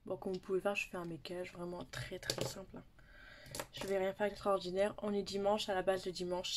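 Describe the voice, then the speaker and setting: Young woman narrating her makeup, medium pitch, chatty with hushed asides. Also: noisy background. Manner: chatty, drops into soft asides and near-whispers. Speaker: beauty vlogger. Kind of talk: casual makeup tutorial chat.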